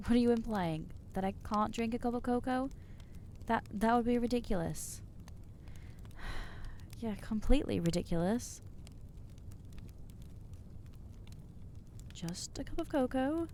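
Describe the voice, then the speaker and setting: A woman plays a flustered, guilt-ridden young vampire girl in an ASMR roleplay, halting and stammering anxiously as she blames herself. She sounds warm and a little high, and there's slight noise in the background.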